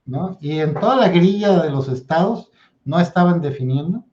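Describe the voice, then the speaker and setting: A man's voice: on the high side, expressive, normal speed, a little mellow, dull audio. A man, a guest in a casual interview, who tells his stories and keeps checking in with "¿no?". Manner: storytelling, tags lines with "¿no?".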